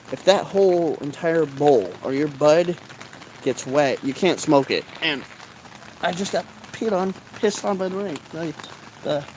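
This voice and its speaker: A man's voice: fairly high pitch, rough recording. A stoned man chatting casually to his viewers outdoors, with a laid-back, meandering way of talking. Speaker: vlogger. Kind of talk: casual rambling chat to camera. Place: outdoors in rainy, cold weather. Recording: faint rain noise outdoors. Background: light rain.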